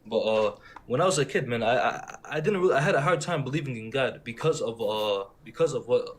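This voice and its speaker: With a medium-pitched, expressive voice and a brisk pace, a young caller born in Syria and raised near Detroit weighs in on a casual debate. He has a slight Arabic accent and rambles, insistently repeating himself.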